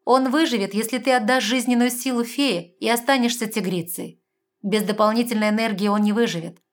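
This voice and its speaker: A woman's voice: a little high, a little fast, pitched above the performer's own voice, close to an everyday voice. A woman voicing a sly, smug fairy woman who talks in a mocking, self-assured way.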